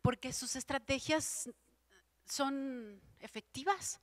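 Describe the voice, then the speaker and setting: A young woman delivers an informal church message, weaving in her own testimony. Her voice sits high, and she acts out her prayers and quotes with lively shifts. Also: takes it slowly. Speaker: church speaker giving a testimony. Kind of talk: informal sermon with personal testimony.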